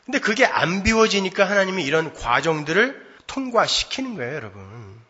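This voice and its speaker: A man's voice: on the high side, bright, forceful tone, breathy edge. A male pastor preaching a sermon, driving his points home with rhetorical questions to the congregation. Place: church sanctuary. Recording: reverberant church hall, dull lo-fi sound.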